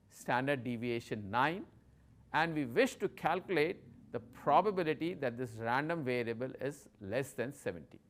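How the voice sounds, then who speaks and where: Male instructor, slightly high voice, measured lecture delivery, dictates in short, separated phrases. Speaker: statistics lecturer.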